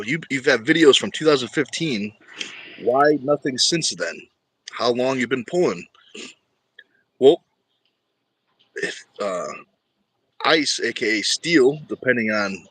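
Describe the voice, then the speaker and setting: Chatting with livestream viewers about arm wrestling, the easygoing host speaks in a medium-pitched voice that's pushed, bright and slightly rough. The recording is rough but has no echo.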